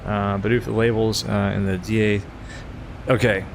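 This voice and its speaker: A man's voice: little pitch movement, normal speed. A man chatting casually and informally as a flight simulator streamer. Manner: laid-back, informal. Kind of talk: casual livestream chat mixed with pilot radio calls. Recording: clear rumbling background noise.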